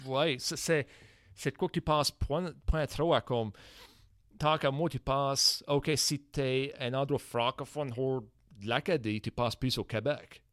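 Acadian guy hosting a podcast, keeps restarting his sentences, mid pitch, dry sound. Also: steady tone, fairly bright tone, dry recording. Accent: Acadian French. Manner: hesitant, halting, with many restarts. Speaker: podcast host. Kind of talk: casual chat.

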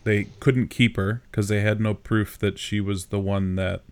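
A man co-host with a low voice, walking through a movie plot in relaxed conversation. He keeps stopping to make wry jokes about how dated things are. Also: a little slow, noisy background. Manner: wry, pokes fun at dated details. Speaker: podcast co-host. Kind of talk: casual chat recapping a movie.

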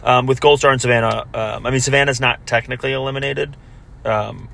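A man co-hosting a casual soccer recap, correcting himself as he goes, heard on low-quality audio recorded while driving in a car. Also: fairly even intonation, brisk, creaky, bright, forceful tone, slight background noise. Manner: talks through standings with frequent self-corrections. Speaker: podcast co-host. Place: moving car.

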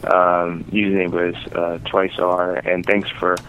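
A man's voice: sits low, little pitch movement, a little slow, fairly bright tone, a little hiss or hum. A man calling in to a radio show over a phone line, chatting politely and hesitantly with lots of fillers. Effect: heard over a phone line. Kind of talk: casual call-in chat.

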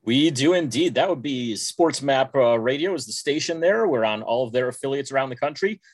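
A man from Texas co-hosting a sports podcast, talking in a smooth, measured radio-announcer way. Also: mid-range voice, lively intonation, no room sound. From Dallas, Texas, US. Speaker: podcast co-host. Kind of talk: casual podcast chat.

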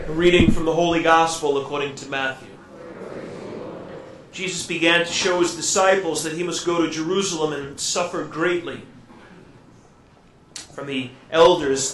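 Priest preaching in cathedral echo. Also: male voice, on the high side, slight background noise. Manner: gentle and reflective, with halting fillers in his own words. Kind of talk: Gospel reading and homily at Mass. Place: church during Mass. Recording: echoey church room.

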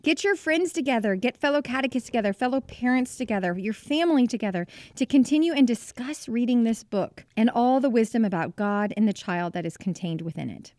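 A woman's voice: a little high, animated, a little fast, hardly any pauses, darkish tone, no echo. Enthusiastic woman hosting a podcast. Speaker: podcast host. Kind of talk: casual podcast interview.

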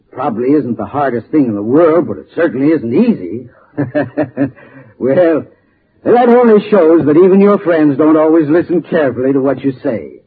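Man, old radio sales talk, folksy, animated pitch, husky, muffled vintage broadcast. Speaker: home heating expert pitching products. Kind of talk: scripted 1940s radio advertising talk.

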